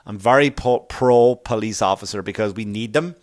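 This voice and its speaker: A man's voice: lowish voice, normal speed. A man from Ireland, hosting a podcast in a blunt, profane, rambling comedic monologue full of restarts. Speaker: podcast host.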